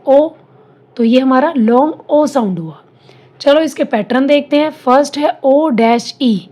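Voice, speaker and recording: Slow, mellow Indian woman teaching phonics. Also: high-pitched. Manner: stretches each sound and blends it into the word. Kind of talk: slow phonics lesson, sounding out words.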